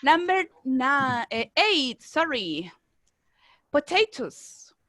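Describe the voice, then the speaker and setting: High-voiced woman teaching online. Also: fairly bright tone, dry recording. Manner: encouraging, drills words slowly with frequent checks. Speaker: English teacher. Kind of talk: online language class. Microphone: video call.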